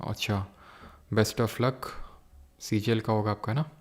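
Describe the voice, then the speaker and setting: A man's voice: lowish voice, steady tone, takes it slowly. Man teaching a live exam-prep class. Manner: Hindi mixed with English terms, coaching tone. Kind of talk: live online class with chat replies.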